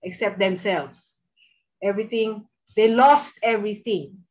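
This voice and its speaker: A woman with a Filipino accent preaches a sermon, stressing her points and checking in with listeners through frequent tag questions. Her medium-pitched voice is unhurried and a little mellow, on a dull lo-fi recording.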